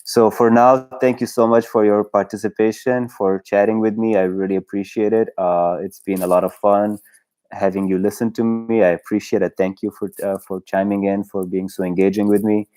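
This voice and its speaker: A man talks in a casual solo livestream, his voice sitting a little low. He rambles and hesitates, stacking fillers and restarts and breaking into laughs as he goes. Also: flat delivery, moderate pace, warm tone. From Pakistan. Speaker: YouTube livestream host.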